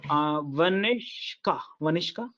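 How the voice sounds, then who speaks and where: A man teaching an online class over a video call, halting and repetitive with many fillers, heard through low sample rate audio. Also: lively intonation, a bit bright, highs cut off. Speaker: instructor.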